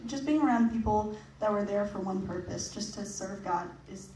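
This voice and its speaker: A woman's voice: mid-range voice, normal speed, darkish tone. Young woman presenter at church, casual and giggly, mic set far off in a roomy hall. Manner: chatty, laughs often, many fillers. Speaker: mission trip presenter. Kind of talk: casual talk to a church audience. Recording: echoey hall, picked up from a distance, faint noise.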